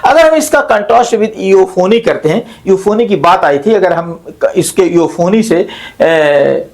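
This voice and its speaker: A male literature teacher gives a slow classroom lecture, explaining each term and repeating it in Hindi, with frequent pauses and self-corrections. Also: high-pitched, darkish tone.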